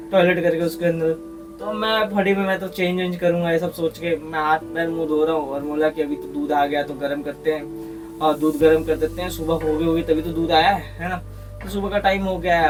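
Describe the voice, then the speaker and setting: A young man with a Mumbai Hindi accent telling a horror story on a podcast in a casual, slangy, animated way, full of crude humor. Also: a little high. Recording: distant mic with music behind.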